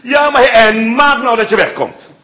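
A man's voice: very high-pitched, animated, measured pace, sharp tone, voice pushed up, full character voice. A man voicing God as a laid-back, friendly figure who talks casually and offhand. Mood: breezy. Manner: breezy and offhand, like a buddy.

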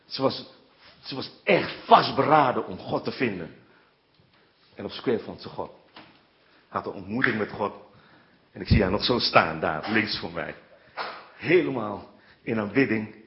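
A man preaching a sermon with lively storytelling, often checking in with his listeners. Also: fairly low pitch, measured pace, pauses often, dull audio, slight background noise. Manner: animated storytelling with frequent "ja" and "hè".

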